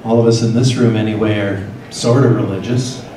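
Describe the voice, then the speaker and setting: A middle-aged Midwestern American priest with a lowish voice leads a church forum combining guided meditation and interactive talk in a large hall with tables of people. His slow, reflective second-person storytelling addresses listeners directly and echoes strongly around the room. It's filmed from far across the room on a handheld mic, with steady room noise underneath.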